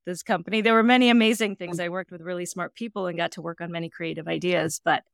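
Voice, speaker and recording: Lower-pitched american woman hosting a podcast, bit of vocal fry, dry close mic. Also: steady tone, quick pace, dry recording. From United States. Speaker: podcast host. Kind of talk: podcast interview.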